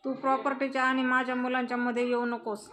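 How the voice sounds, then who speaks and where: A woman's voice: high voice, completely flat delivery, fast talker, fairly bright tone, slight background noise. Woman reading as a stubborn family matriarch. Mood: firm. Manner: read out plainly in the narrator's own voice. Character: stubborn middle-aged mother, family matriarch.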